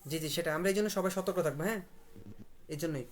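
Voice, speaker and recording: Man drilling words slowly. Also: fairly high pitch. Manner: drills words slowly syllable by syllable, repeating often. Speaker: language teacher. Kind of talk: live online language class.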